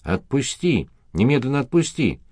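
A man voicing a middle-aged mother who is furious with her husband and gentle with her daughter. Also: medium pitch, big pitch swings, normal speed, no echo, studio quality, pitched above the performer's own voice. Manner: sharp when angry, soft when soothing.

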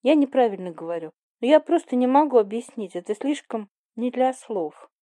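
A woman reads a breezy younger sister who needles her older sibling. The tone is mellow and dark, the delivery offhand and mocking, a little brighter than the narration around it. The recording is dry and close. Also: a little high, expressive, moderate pace, no echo, voice pushed up, lightly acted. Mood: wistful.

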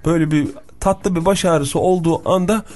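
A man's voice: a little high, brisk, a little mellow. A man co-hosting a radio morning show, chatting playfully about news stories. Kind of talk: casual studio banter.

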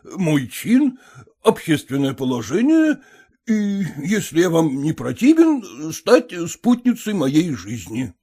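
A male storyteller voicing a stiff, pompous middle-aged suitor who speaks slowly and ceremoniously, hesitating and clearing his throat. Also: a little high, huge pitch swings, dark tone, pitched above the performer's own voice, heavily acted.

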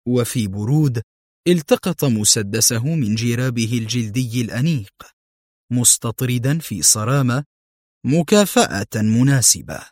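A man giving measured, dramatic audiobook narration. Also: medium pitch, darkish tone, dry recording, studio quality.

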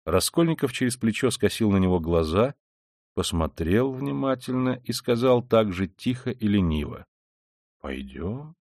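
A man reading a classic novel aloud as an audiobook narrator, in measured, even storytelling. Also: mid-range voice, dry recording, clean studio sound. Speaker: audiobook reader. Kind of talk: scripted narration.

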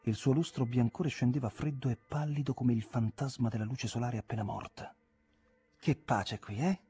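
A man reading a literary novel aloud as an audiobook narrator, measured and reflective. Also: mid-range voice, fairly even intonation, warm tone, slightly rough.

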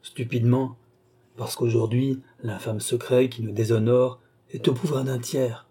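A man's voice: mid-range voice, fairly even intonation, measured pace, warm tone, breathy edge. A man voicing a wrathful young nobleman defending his honor. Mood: accusing. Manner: declamatory, wrathful then imploring. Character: furious, honor-bound young nobleman, brother.

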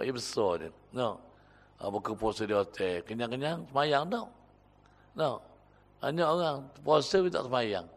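A Malaysian Malay preacher delivers a Ramadan sermon in a gravelly voice that carries a long echo through the prayer hall. He speaks in animated bursts and lifts his voice sharply for emphasis between quotations of Arabic texts. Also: mid-range voice.

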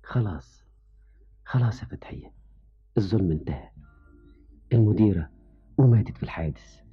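An actor playing a humble, devoted working man with an Egyptian accent, speaking softly and reassuringly in an old radio drama. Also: on the low side, animated, moderate pace, slightly rough, heavily acted. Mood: gentle. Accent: Egyptian Arabic. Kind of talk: 1970s radio drama acting. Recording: dull old radio recording with faint music.

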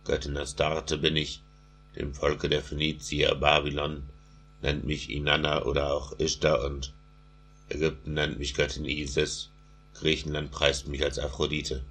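A man voicing a majestic goddess of love in slow, solemn verse. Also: very deep voice, monotone, a bit bright, breathy edge, exaggerated voice.

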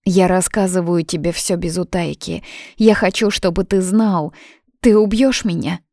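A woman's voice: fairly low pitch, fairly even intonation, normal speed, darkish tone, no echo, clean studio sound, close to an everyday voice. A woman reading aloud voices a pale, fragile young witch who pleads in a breathless, urgent way. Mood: pleading.

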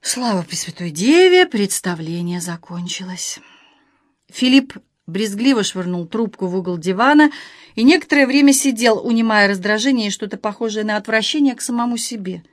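A woman reading an audiobook in a measured, wry narration. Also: mid-range voice, no echo, clean studio sound. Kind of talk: scripted narration.

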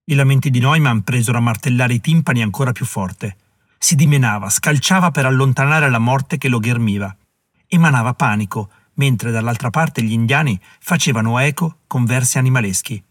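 A man narrating a historical novel in a steady, dramatic reading. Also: mid-range voice, brisk, no room sound, clean studio sound. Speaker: audiobook narrator. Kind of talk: scripted narration.

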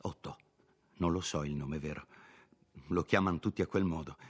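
A man's voice: a bass voice, steady tone, moderate pace, slightly rough. A man reading a novel aloud, voicing an older peasant mother who gives homely, folksy advice in a chatty manner. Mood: advising.

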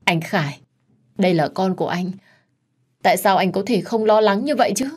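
A woman's voice: medium pitch, moderate pace, breathy edge, lightly acted. A woman voicing a tearful, whining young mistress who pleads and plays the victim in a told story. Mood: whiny pleading. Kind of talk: dramatized storytelling.

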